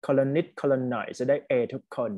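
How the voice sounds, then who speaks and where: A man's voice: fairly quick, warm tone. A male university lecturer teaching an online test-prep class, chatty and encouraging, switching between two languages mid-sentence. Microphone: computer mic on an online video class.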